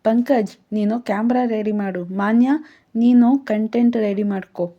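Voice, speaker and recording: A woman voicing a confident young man who leads his friends in a told story, sounding calm and reassuring. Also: mid-range voice, a little slow, highs cut off. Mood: bossy. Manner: bold and reassuring.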